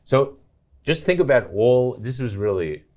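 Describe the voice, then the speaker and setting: A man's voice: medium pitch, lively intonation, unhurried, a little mellow. An older man hosting an interview, asking questions and reacting with enthusiastic exclamations. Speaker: podcast host. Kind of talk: interview conversation.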